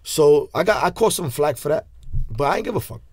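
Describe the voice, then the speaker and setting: A man's voice: a little high, a little fast, breathy edge, no room sound, studio quality. A man in his forties with a New York accent, telling stories in a casual interview, heavy on street slang and restarts. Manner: street slang, animated hand gestures, many restarts. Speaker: interview guest. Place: small studio with leather couch. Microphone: studio mic on stand.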